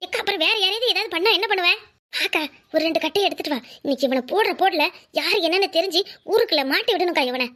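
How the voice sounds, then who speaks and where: A woman's voice: very high-pitched, animated, quick pace, sharp tone, heavily acted. A woman voicing a bold young village wife in a cartoon, defiant and sulking. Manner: rural Tamil village speech, scolding and defiant. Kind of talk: cartoon voice acting.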